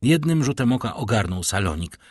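A man narrating an audiobook in an expressive, dramatic way. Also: lowish voice, a little fast, slightly rough, no echo, clean studio sound. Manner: expressive, lively storytelling.

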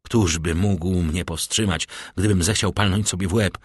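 A man's voice: low-pitched, fairly even intonation, moderate pace, slightly rough, no room sound, studio quality. A man reading the part of a desperate young man who pours out grief and rage in an audiobook. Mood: despairing. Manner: impassioned, rising to outbursts.

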